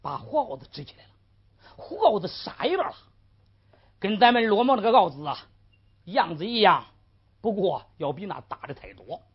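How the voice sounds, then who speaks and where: A woman's voice: mid-range voice, very animated, moderate pace, pauses often, breathy edge. A woman storyteller narrating vividly and addressing the audience directly, on a lo-fi old recording. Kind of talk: traditional storytelling.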